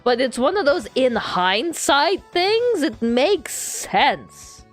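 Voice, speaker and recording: A woman gives casual game commentary in a fairly high voice. She rambles playfully, as a streamer does. Game music runs underneath. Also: big pitch swings, takes it slowly. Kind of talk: casual chat, gameplay commentary.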